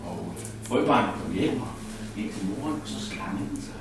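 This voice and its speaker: Guy telling a kids story live, really animated, super echoey room, mic far off. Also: fairly low pitch, background noise. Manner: animated, playful, drawn-out phrasing. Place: indoor event space.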